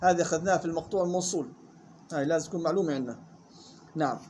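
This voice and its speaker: A man leads a recitation class, his voice set fairly high for a man. He explains at a rapid clip, slowing right down to read rules and drill single syllables. A faint hum sits behind him. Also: a little mellow. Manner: reads rule text slowly, then explains in quick colloquial talk; drills syllables slowly and questions students. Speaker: Quran recitation teacher. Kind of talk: classroom lesson explaining a text.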